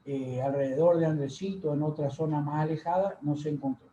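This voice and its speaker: A man giving a university lecture over slides, unhurried and full of fillers and pauses. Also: a little high, steady tone, warm tone, a little hiss or hum. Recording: echoey room, dull lo-fi sound.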